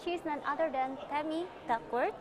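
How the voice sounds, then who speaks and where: A woman's voice: high voice, a little fast. A woman TV host with an Indonesian accent asking formal, short interview questions. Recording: noisy background hiss.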